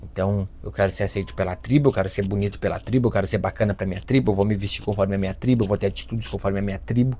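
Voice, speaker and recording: Homem, sotaque brasileiro, palestra motivacional, tom de conversa animado. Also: male voice, on the low side, very fast, hardly any pauses, a little hiss or hum. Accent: Brazilian Portuguese. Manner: lively storyteller, acts out voices of children and parents. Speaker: self-help speaker. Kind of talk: lecture with acted anecdotes.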